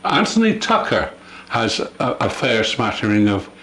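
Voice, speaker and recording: A man's voice: mid-range voice, big pitch swings, unhurried, fairly bright tone. An older man from rural Devon chats and reminisces in old West Country dialect with a Devon accent. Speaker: local villager being interviewed. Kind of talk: casual reminiscing chat. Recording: echoey room, faint background noise.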